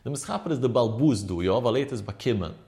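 Guy chanting through a talmud lesson, voice swooping up and down, mid-pitched, asks and answers himself. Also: expressive, quick pace, creaky, dark tone. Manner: sing-song study chant, rising and falling pitch. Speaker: religious teacher.

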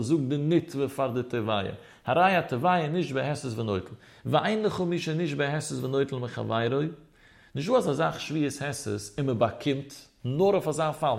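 A Talmud teacher delivers a traditional lecture, reading the text aloud and explaining it in a sing-song study cadence full of emphatic rises and drops. He has a mid-range voice with vocal fry.

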